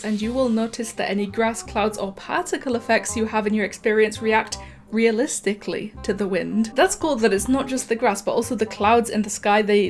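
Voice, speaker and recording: A woman hosting a gaming channel, chatting casually with wry, mock-hyped joking over a close mic. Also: mid-range voice.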